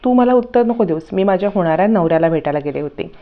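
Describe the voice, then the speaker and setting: A woman's voice: fairly low pitch, lively intonation, racing, phone-quality sound. A woman voicing a defensive young bride-to-be who answers snappishly, in a TV serial recap.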